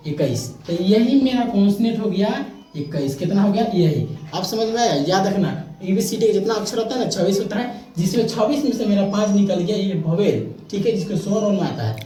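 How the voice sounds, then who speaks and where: A high-voiced man with a mellow tone teaches a lesson, posing questions and answering them himself. He repeats key points again and again. The sound is echoey, with faint noise behind. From India. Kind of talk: classroom-style lesson.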